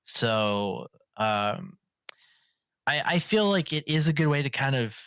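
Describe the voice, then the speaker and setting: A man's voice: mid-range voice, animated, slow, fairly bright tone, clean tone, no echo. A man hosting a casual gaming podcast, rambling with many fillers and restarts. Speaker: podcast host.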